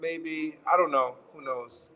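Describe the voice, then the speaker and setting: Heard through a dull recording with long reverb, a Brooklyn-born guest author recounts his life in an interview. His voice is a little high and steady, and he speaks at a measured pace, wandering off track, correcting himself and laughing easily.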